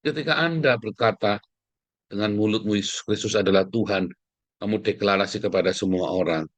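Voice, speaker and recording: A middle-aged man, preaching a fiery sermon in a scolding, combative way that swings between loud outbursts and hushed asides. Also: on the low side, dry recording.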